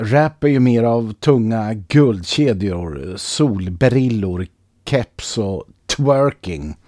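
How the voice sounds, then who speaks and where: A man's voice: medium pitch, dry recording. A man in his sixties, hosting a radio show in a wry, casual way on a close studio mic. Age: 60s. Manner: wry and lively.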